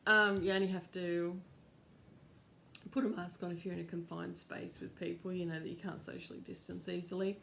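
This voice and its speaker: A woman's voice: fairly low pitch, flat delivery, moderate pace, gravelly, fairly bright tone, a little hiss or hum. A middle-aged woman, hosting a crafts channel in a casual, rambling chat at home with lots of fillers. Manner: chatty, rambling, with fillers and laughs. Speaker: cross-stitch channel host.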